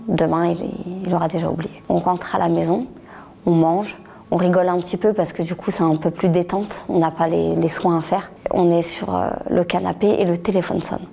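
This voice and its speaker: A middle-aged woman gives a personal testimony in an interview, her low voice heavy with gravel and a dark, mellow tone. She talks haltingly, restarting words and sometimes sinking almost to a whisper. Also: fairly even intonation, slight background noise. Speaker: author giving a testimony.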